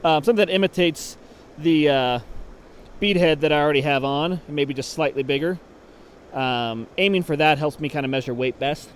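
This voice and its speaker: A man's voice: a little high, moderate pace, a little hiss or hum. A man explaining fly fishing technique while fishing outdoors, talking casually and thinking aloud. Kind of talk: on-the-water instruction. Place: outdoors at a creek.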